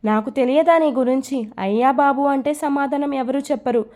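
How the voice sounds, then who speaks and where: A mocking, stern male police officer interrogates with scoffing taunts, as a woman reads him out. The voice sits a touch high and mellow, in a plain storybook reading. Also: steady tone, moderate pace, natural voice.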